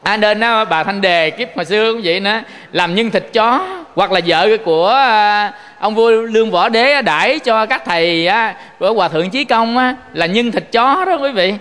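A man's voice: high voice, moderate pace, few pauses, fairly bright tone, in a large hall. A man with a Southern Vietnamese accent giving a Buddhist sermon, telling folksy stories and often turning to address his listeners. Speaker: Buddhist monk preaching.

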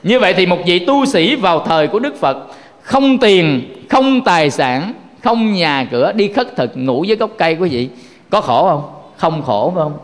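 A man's voice: sits high, very animated, normal speed. A man preaches a homely Buddhist sermon. He talks in a chatty way and keeps turning to his listeners. His voice rings out with a long hall reverb. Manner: conversational, keeps addressing listeners directly. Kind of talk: folksy sermon.

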